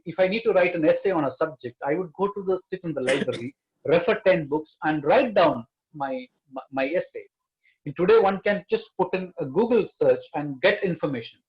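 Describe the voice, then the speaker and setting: A man's voice: on the high side, lo-fi sound. A man speaking earnestly as a panelist, stressing key words again and again. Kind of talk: panel discussion.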